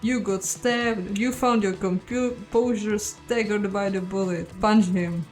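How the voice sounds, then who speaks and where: A woman's voice: medium pitch, steady tone, unhurried, a little mellow, faint music behind. A woman playing a story game, reading its text aloud with casual asides and the odd curse. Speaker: game streamer. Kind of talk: voiced game playthrough.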